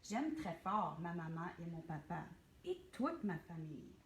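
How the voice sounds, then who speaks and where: A woman reading a picture book as a sweet little boy telling what he loves, gently and softly. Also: fairly low pitch, sing-song, measured pace, roomy sound, slight background noise, pitched below the performer's own voice. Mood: tender.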